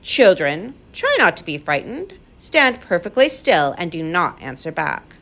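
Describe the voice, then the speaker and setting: Woman voicing a stern, steady male professor. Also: fairly low pitch, gravelly, heavily acted. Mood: calm. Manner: firm, admonishing, measured. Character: calm but stern male professor guarding children.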